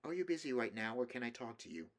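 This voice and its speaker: Man reading a soft, placating female android. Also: mid-range voice, big pitch swings, fast talker. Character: calm, persistent female android offering help.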